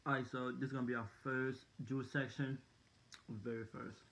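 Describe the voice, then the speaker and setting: A man's voice: mid-range voice, little pitch movement, normal speed, vocal fry, fairly bright tone, a little hiss or hum. A young man vlogging, telling a story in a casual, rambling way, full of fillers and slang.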